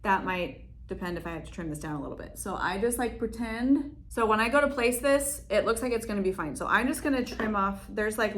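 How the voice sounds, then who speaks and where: A woman's voice: medium pitch, a little hiss or hum. Young woman vlogging a lash how-to, chatty, giggly, lots of likes and ums. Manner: chatty, laughs often, many fillers. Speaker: beauty vlogger. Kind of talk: casual tutorial chat. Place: room in her salon.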